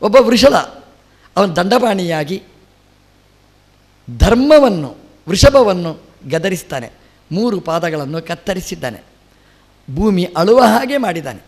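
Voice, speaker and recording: A man's voice: high-pitched, animated, slow pace, pauses often, darkish tone. A middle-aged man, a religious teacher, giving a spiritual discourse and telling a scripture story with acted quotes and rising emphasis.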